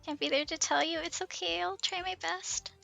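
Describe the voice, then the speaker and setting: A giggly woman streamer narrates her own gameplay casually, flustering easily and talking to herself, with music in the background. Her very high voice holds a steady tone at a moderate pace, sounding gravelly and sharp.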